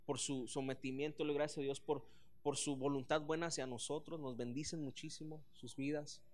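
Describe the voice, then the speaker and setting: Pastor guy, 30s, earnest sermon, tells stories all animated, kinda high voice. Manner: earnest, animated storytelling with frequent restarts.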